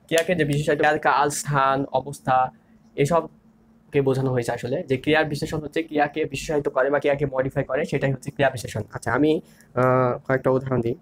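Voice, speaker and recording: A man's voice: medium pitch, fairly even intonation, fast, slight background noise. A young man teaching an online grammar lesson, repeating key terms and asking and answering his own questions. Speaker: grammar instructor.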